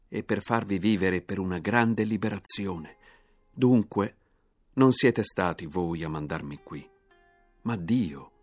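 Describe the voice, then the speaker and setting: Low-voiced noble ruler, read by a man, solemn and lifting. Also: a little mellow, close to an everyday voice. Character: grieving noble man, ruler revealing himself. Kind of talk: scripted reading.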